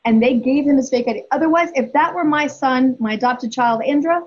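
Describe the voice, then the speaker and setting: A woman's voice: sits high, fairly quick. A woman in her forties, speaking as a guest and telling a story candidly, with emphasis and frequent restarts. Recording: dull lo-fi audio.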